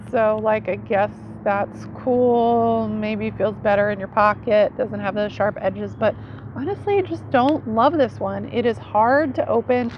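In a leafy yard, under a tree, a woman in her forties talks casually to camera about her knives like a foraging teacher showing equipment. She has a slightly high voice and a chatty habit of seeking agreement with "right." The recording is dull and picks up ambient outdoor noise.

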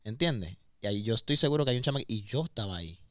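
A fast-talking Puerto Rican singer with a fairly low voice and lively intonation gives an open, emotional interview on a podcast. Speaking with a Puerto Rican Spanish accent, he repeats words while searching for what to say. The studio sound is clean, without echo.

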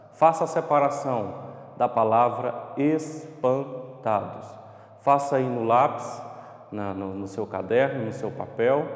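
A male primary school teacher with a Brazilian Portuguese accent gives a recorded remote class. He draws out syllables slowly and speaks in an encouraging way. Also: medium pitch. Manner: slow, drawn-out syllables when spelling words, encouraging. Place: classroom with a whiteboard. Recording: echoey classroom with long reverb.

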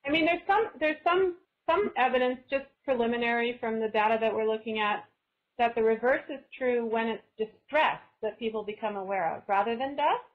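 A woman's voice: a little high, fairly quick. A woman from Canada, a guest author in a thoughtful, casual webinar conversation who often restarts her phrases as she thinks. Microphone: video call. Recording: slightly dull lo-fi video call audio.

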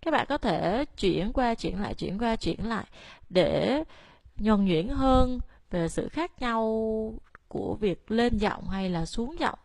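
Woman, Vietnamese native speaker, language teacher, patient explanations, middle pitch, dry close sound. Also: creaky, a little mellow, no room sound. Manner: explains patiently, then reads Korean example words slowly. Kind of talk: spoken lesson on Korean intonation.

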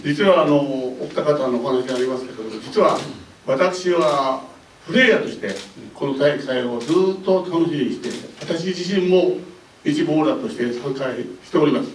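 An older man in his seventies, a bowling federation director, giving polite, unhurried press conference remarks into a handheld mic. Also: on the high side, a little hiss or hum. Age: older, about 70s. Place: indoor press conference room. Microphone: handheld microphone. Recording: roomy, mic a bit distant.

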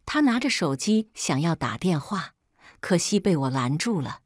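Woman storyteller, first-person drama, lively pitch swings, dry close mic. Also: moderate pace, no echo. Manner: cold, taunting in quoted speech.

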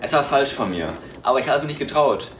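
A man's voice: mid-range voice, quick pace, roomy sound, slight background noise, close to an everyday voice. A man playing a hot-tempered young ex-mafioso on the run, in an amateur audio drama. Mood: heated. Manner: heated, animated delivery.

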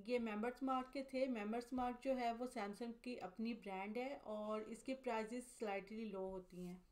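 A woman with a fairly high voice narrates a store-tour vlog as a scripted voice-over. She talks steadily and plainly, walking through items and their prices one after another. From Pakistan. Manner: steady, matter-of-fact, listing prices item by item. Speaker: vlogger, mother.

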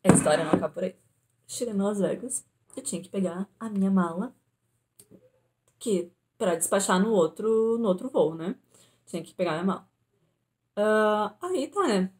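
Mellow-voiced young Brazilian woman vlogging. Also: mid-range voice, normal speed, long pauses. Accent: southern Brazilian Portuguese. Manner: animated retelling, acts out her own panicked pleas. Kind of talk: casual storytelling to camera. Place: indoors at home.

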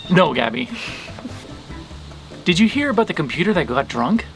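A man in his thirties casually telling corny dad jokes to camera, pausing before each punchline. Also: on the high side, big pitch swings, vocal fry, a bit bright, faint music behind. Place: outdoors against a house wall.

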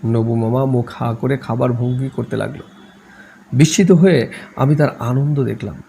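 A man narrating a novel in a calm, measured storytelling voice. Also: mid-range voice, creaky, a little hiss or hum. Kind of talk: audiobook novel reading.

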